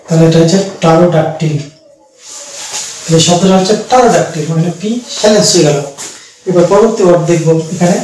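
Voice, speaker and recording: A man's voice: high-pitched, darkish tone, far from the mic, slight background noise. Man teaching in an echoey room. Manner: slow, repetitive explaining with fillers. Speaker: English teacher. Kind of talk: pronunciation lesson.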